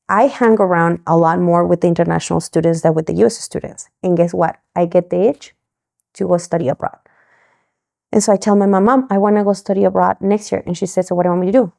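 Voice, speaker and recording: A woman from Mexico talks as a podcast guest and tells her story with energy. She slips into the voices of the people she quotes. Her voice is dark and a little gravelly. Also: lowish voice. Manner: animated, acts out quoted voices.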